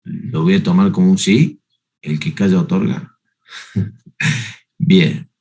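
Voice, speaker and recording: A man's voice: deep voice, slow pace, a little mellow. Methodical male math lecturer. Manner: methodical, checks in with students. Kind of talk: university lecture on analytic geometry.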